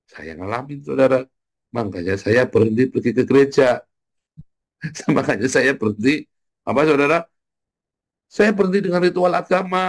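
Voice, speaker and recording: A man preaching an informal morning sermon, blunt and teasing, swinging from loud jabs to low murmurs. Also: creaky, slightly rough. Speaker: pastor.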